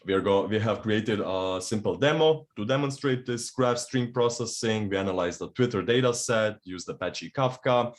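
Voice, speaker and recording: A young man from Croatia, a doctoral student, introducing a tech talk at a meetup in a relaxed, lightly joking way with frequent fillers. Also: fairly low pitch, normal speed, few pauses. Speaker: developer relations engineer, speaker. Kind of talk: technical meetup presentation. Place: meetup venue.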